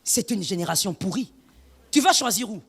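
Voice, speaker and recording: A woman pastor's emphatic sermon, rich in rhetorical questions and sprinkled with Lingala, rises to shouts at its high points. She sounds animated and slightly rough, moves at a moderate pace, and the audio has a big-room quality.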